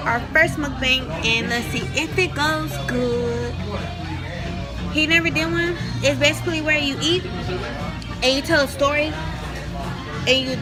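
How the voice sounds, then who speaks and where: A woman vlogging in a giggly, slangy, chatty way, with loud music and crowd noise behind her. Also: fairly high pitch. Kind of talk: casual vlog chat.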